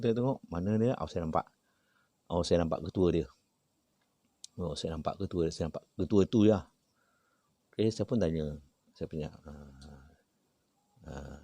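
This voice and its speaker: A man's voice: deep voice, mellow, no echo. A man with a Malaysian Malay accent, a traditional healer telling a story in a casual way. He gets dramatic and raises his voice when he quotes himself.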